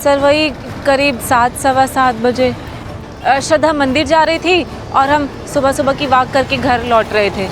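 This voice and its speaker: A woman's voice: sits high, measured pace, over music, a crowd in the background. An actress playing an anxious young mother who answers the police hesitantly in a TV crime drama. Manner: hesitant, pleading.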